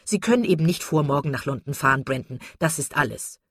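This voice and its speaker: A woman voicing a hearty, insistent country gentleman in a read-aloud novel, calling out loudly. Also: deep voice, expressive, fast, slightly rough, full character voice. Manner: loud, insistent.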